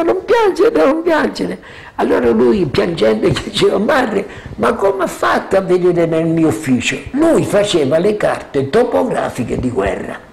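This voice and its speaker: An older man recalls the past in a freewheeling, animated way, pitch jumping up and down as he goes. His voice sits a touch high for a man and has a gravelly crackle. He keeps checking that his listeners are following. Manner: freewheeling, keeps asking "capito?"; animated storyteller, chuckles often. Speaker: witness sharing memories. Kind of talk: rambling spoken recollection.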